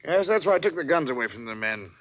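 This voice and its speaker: An actor playing a weary, fatherly older ship's captain in an old radio drama, calm and reassuring. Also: on the high side, fast talker. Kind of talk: 1950s radio drama acting. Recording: dull old radio recording.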